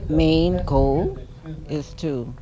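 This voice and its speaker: A Bahamian woman, a sports league president, speaking slowly and hesitantly with fillers in a news interview. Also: low-pitched. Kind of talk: interview soundbite. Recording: dull audio with a crowd behind.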